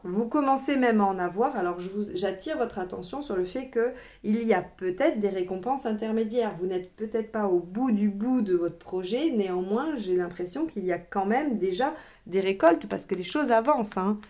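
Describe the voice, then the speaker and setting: A woman's voice: mid-range voice, expressive, moderate pace, a little mellow. A woman giving a casual tarot reading, talking straight to her viewers with frequent little asides. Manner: chatty, addresses viewers directly, frequent "hein" asides. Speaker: tarot reader.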